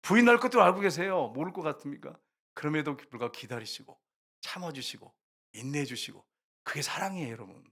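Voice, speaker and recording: Male pastor, fairly high voice, animated sermon with acted-out voices, speaks straight to the congregation. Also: fast. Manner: lively storytelling, acts out voices and rooster crows; often addresses the congregation directly.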